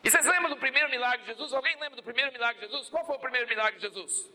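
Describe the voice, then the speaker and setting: A man's voice: very high-pitched, racing, pushed and bright. A male pastor with a Brazilian Portuguese accent preaching a sermon, repeating key phrases and asking the congregation questions.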